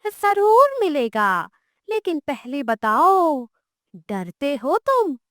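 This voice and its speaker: A woman voicing a mysterious female witch who sells pizza in a cartoon story, speaking slowly and soothingly. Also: high voice, sing-song, fairly bright tone, no echo, clean studio sound, full character voice. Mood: calm, knowing. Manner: slow, soothing, knowing.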